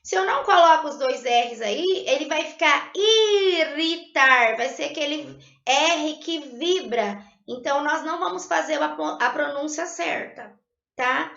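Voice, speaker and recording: A woman teacher with a high, bright voice and a gravelly edge, patiently walking students through spelling rules. She sounds out syllables slowly and clearly. The recording is lo-fi, with a roomy echo. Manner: patient, tags sentences with "tá?". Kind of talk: recorded Portuguese spelling lesson. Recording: lo-fi echoey room.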